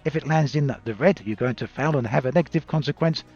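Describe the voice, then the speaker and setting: A man reviewing a video game in a measured, explanatory way, recorded on a cheap stand-in microphone with low audio quality. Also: a little mellow, slightly rough, faint music behind. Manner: measured, explanatory, occasional fillers. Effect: low-quality audio from a cheap stand-in mic. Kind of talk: scripted game review commentary. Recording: dull lo-fi cheap mic recording.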